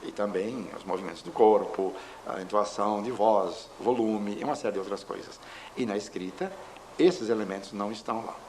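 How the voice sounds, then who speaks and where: Man lecturing in measured tones. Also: on the low side, a little mellow, low-quality recording. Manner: measured, explains with examples and pauses. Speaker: linguistics lecturer. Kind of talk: explanatory lecture. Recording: faint background noise.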